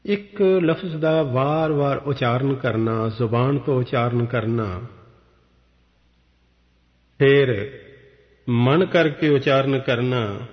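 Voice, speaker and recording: A male preacher gives a sermon in a slow, unhurried, measured cadence, stretching verses out as he explains them. His voice has a mid pitch, and the recording is dull with a long hall reverb. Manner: slow, measured scripture exposition. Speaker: Sikh preacher.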